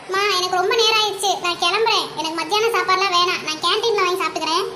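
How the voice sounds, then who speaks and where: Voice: rapid-fire, pushed and bright, echoey room. A performer voicing an impatient little cartoon schoolgirl who whines at her mother. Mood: whiny. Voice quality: very high, thin cartoon voice. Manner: whiny, pushy. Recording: audible background noise.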